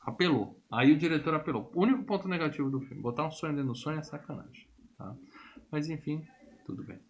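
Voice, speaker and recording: A man's voice: a little high, fast. A man, a podcast co-host animatedly retelling a film in casual chat and freely swearing. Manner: animated storyteller, acts out characters' lines, swears freely.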